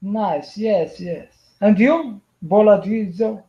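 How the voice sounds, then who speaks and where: A caller from Morocco speaks as an over a dull, lo-fi call line. His replies are short and halting, and he often repeats himself. His pitch sits in the middle range. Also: dark tone. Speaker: caller joining a live chat. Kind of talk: casual video call. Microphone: video call.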